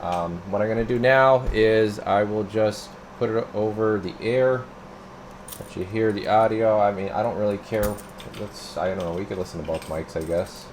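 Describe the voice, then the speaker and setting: At normal speed and a fairly low pitch, a radio technician casually narrates an unscripted CB radio demo, muttering and thinking aloud mid-task. Noise fills the room, along with a steady hum of equipment.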